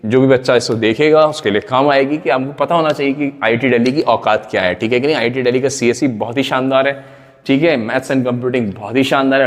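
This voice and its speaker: A man's voice: medium pitch, big-room sound. A man who teaches at a coaching center, explaining admissions data to students in Hindi mixed with English. He keeps checking in with the audience. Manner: repeated check-ins to the audience; mixes English words into Hindi.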